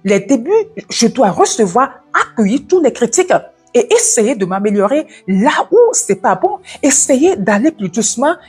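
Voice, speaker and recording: A woman with an African French accent giving a fast, loud, energetic devotional talk and swallowing some of her words. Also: a little high, husky, faint music behind.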